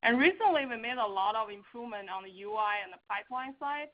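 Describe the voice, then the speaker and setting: Woman presenter on a web call, her audio breaking up and dropping out, muffled low-fi sound, hesitant delivery. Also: expressive, fast. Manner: hesitant, frequent "uh" fillers. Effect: choppy call audio that keeps dropping out. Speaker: product presenter. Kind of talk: webinar product walkthrough. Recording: dull lo-fi online call audio.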